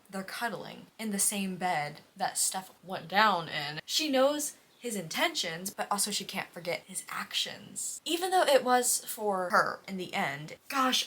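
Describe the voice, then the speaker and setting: In this casual reading vlog, a young adult woman confides in the camera with dramatic, slangy, emotionally exaggerated flair. Her voice sits at medium pitch with a slightly bright tone. There's noticeable background noise.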